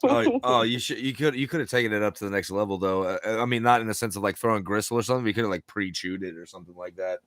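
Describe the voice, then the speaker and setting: Low-voiced man hosting a loose chat. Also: rapid-fire, few pauses, a bit bright, dry recording. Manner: rambling, swearing, frequent fillers and restarts. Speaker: podcast host. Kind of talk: casual interview chat.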